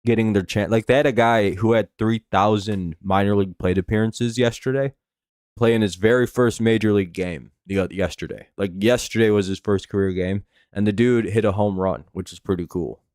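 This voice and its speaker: A man's voice: on the low side, steady tone, brisk, few pauses, darkish tone, smooth, no room sound, studio quality. An American man with a slight lisp and whistling s from false teeth, giving casual, rambling, sweary play-by-play on a live sports stream. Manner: rambling, profane, laid-back fan talk. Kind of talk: casual play-by-play commentary and chat.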